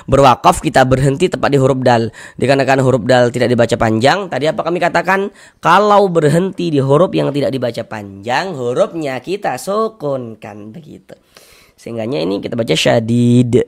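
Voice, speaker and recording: A man teaching Quranic recitation rules, explaining patiently, repeating each rule and slowly drawing out the recited syllables. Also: medium pitch, animated, gravelly. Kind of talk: tajwid lesson with recited examples.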